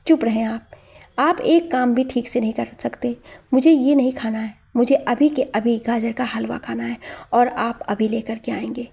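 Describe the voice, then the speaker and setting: A woman voicing a moody, stubborn young wife who makes sharp demands. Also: on the high side, steady tone, normal speed, creaky, husky. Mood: angry. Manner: demanding, sulky.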